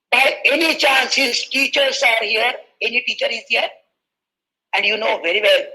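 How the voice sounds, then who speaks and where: A man from India giving a webinar talk, telling a story and quoting each character in turn. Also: rough recording. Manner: animated, quoting characters in rising pitch. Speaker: webinar speaker. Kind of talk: storytelling lecture.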